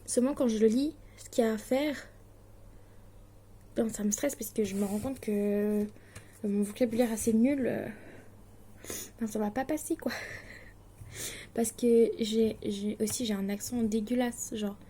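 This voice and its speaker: A young Swiss woman in her late teens vlogs casually to the camera as a distance-learning student, talking about her studies in a hesitant, filler-heavy, anxious and self-deprecating way. Her voice sits on the high side with a steady, warm tone, a measured pace and long pauses. There's slight background noise.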